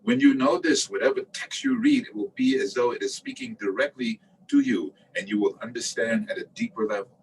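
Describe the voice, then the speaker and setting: A man giving a calm, meditative Buddhist teaching, guiding listeners with pauses. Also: medium pitch, vocal fry. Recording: distant mic with faint ambient noise.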